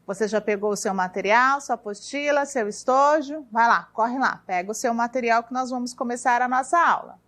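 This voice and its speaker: A woman with a Brazilian Portuguese accent teaching young children, speaking slowly and patiently, drawing out words and checking in with a questioning "tá?" after each point. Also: a little high, a bit bright. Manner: ends phrases with a questioning "tá?". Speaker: primary school teacher. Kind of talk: recorded classroom lesson for children.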